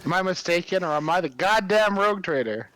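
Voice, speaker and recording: Higher-pitched man chatting over a game. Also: lively intonation, fairly quick, fairly bright tone, slight background noise, low-quality recording. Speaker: streamer, co-player. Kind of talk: casual gaming chat.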